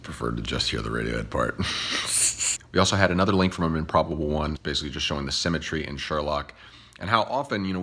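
In his living room, a channel host in his thirties chats casually to a phone camera held at arm's length, tossing in jokey asides as he goes. His bass voice sounds pushed and bright in this relaxed vlog.

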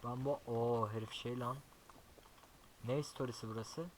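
A young man giving casual gameplay commentary as a YouTuber, chatty and swearing often, talking softly to his horse now and then. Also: medium pitch, steady tone, normal speed, slight background noise, rough recording. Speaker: gaming YouTuber.

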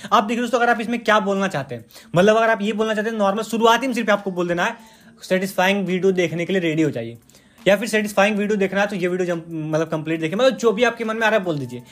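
A man's voice: high-pitched, very fast, fairly bright tone. A man talking through a phone editing app step by step in a chatty, repetitive way. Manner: chatty, repeats "dekhiye doston" and "bhai". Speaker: tutorial host. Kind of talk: screen-recorded app tutorial.

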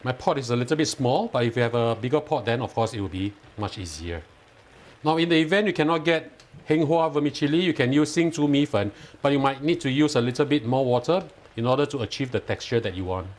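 Fast-talking and mid-range in pitch, a Singaporean-accented man narrates a cooking video from his home kitchen. He explains the recipe step by step for viewers, instructive with a touch of enthusiasm.

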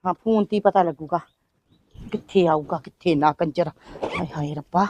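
A woman's voice: on the low side, normal speed, a little mellow, dull audio, lightly acted. A woman playing a fussy, bossy, impatient Punjabi housewife who mutters and exclaims dramatically in a comedy skit. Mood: fussing, muttering. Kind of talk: family comedy skit acting.

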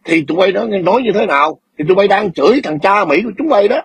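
A man hosting a livestream, ranting and scolding his viewers in a combative tone, often clearing his throat and demanding whether they understand. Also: high-pitched, expressive, fast talker, a bit bright, no room sound. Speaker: livestream host.

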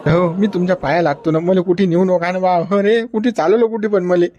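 A man's voice: high voice, fairly even intonation, fairly quick, dark tone, no echo, highs cut off, some chatter behind, close to an everyday voice. A man voicing a confused old village man who pleads and protests, speaking. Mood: pleading.

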